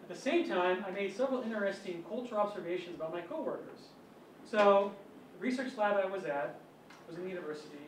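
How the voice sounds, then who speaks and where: A man with a fairly high voice gives a relaxed academic talk, full of chatty asides and self-amused anecdotes. He is picked up from some distance in a reverberant lecture hall with a faint background hum. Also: fast. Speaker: physics colloquium speaker.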